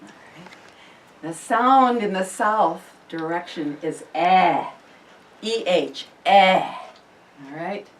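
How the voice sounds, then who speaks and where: A woman's voice: lowish voice, slow. A woman leading a small group in a sound-healing workshop, explaining casually and then chanting vowel sounds and intoning invocations to the directions. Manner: informal, explains with fillers and restarts. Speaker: workshop leader. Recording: voice from far off the mic.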